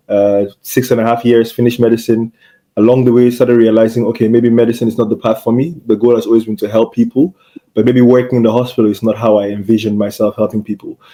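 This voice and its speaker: Fast-talking young man, dark voice. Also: medium pitch. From Cameroon. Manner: earnest, reflective storytelling. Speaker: guest, medical doctor. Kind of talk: casual interview chat.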